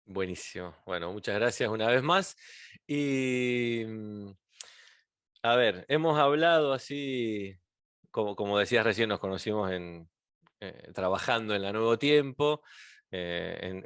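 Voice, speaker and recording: A man's voice: on the low side, measured pace, smooth, no echo. Rioplatense man hosting, dry sound. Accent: Rioplatense Spanish. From Argentina. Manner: relaxed, friendly, rambling questions. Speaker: podcast host. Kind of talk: conversational interview.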